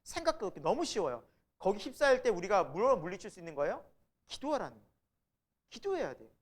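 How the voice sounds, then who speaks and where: Church Bible teacher, sermon delivery, pitch swings a lot, acts out the people quoted. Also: a little fast. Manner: animated, asks the congregation questions and answers them; acts out the quoted speakers in lively voices. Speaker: preacher teaching a Bible class.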